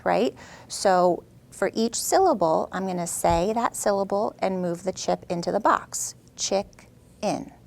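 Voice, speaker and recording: A woman host and teacher who explains a reading skill clearly, then coaches a child with patient, upbeat praise. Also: mid-range voice, a little mellow. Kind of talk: scripted teaching intro and one-on-one demonstration.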